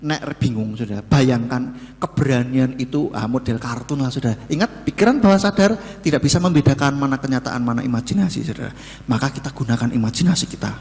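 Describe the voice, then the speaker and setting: A man, preaching a sermon in a lively, joking way that mixes in casual asides. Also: quick pace, big-room sound. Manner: lively, jokey preaching with sudden pitch jumps and Javanese asides. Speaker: pastor.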